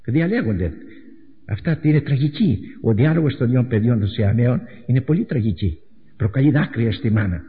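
A man preaching a sermon with a dramatic delivery, repeating phrases and swinging between loud outbursts and hushed asides. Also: mid-range voice. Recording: echoey hall, dull lo-fi recording.

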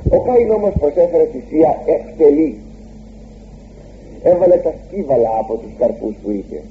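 Animated Greek Orthodox-style preacher man, tinny. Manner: animated, swooping pitch on emphasis. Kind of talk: sermon. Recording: tinny phone-like recording with faint hum.

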